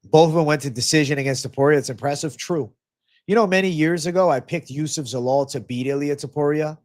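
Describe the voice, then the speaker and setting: Talking fast in a fairly high, darkish voice, a man with a congested nose runs a casual livestream Q&A on fight betting. He reads the viewers' comments aloud, keeping things laid-back and slangy while swearing freely.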